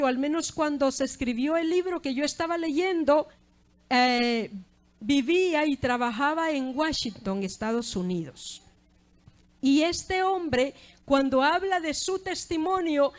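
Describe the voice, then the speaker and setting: A woman with a high voice preaches a sermon in an earnest, heartfelt way. She is middle-aged and often stops to praise God between her phrases. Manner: earnest preaching with repeated "gloria sea al Señor".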